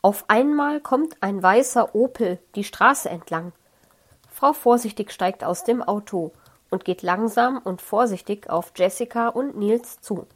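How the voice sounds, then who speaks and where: A woman narrating a children's storybook audiobook in a calm, measured way. She reads slowly and steadily at a middle pitch, unhurried and clear.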